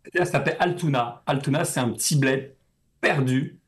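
A young man from France, a guest in a casual interview, talking in a relaxed, rambling way with many fillers. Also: medium pitch, moderate pace.

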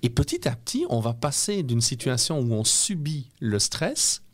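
Speaking at normal speed in a sing-song, mid-range voice, this middle-aged guest from Belgium has a Belgian French accent. Throughout the interview conversation he lays out his thinking with earnest conviction, trying to persuade.

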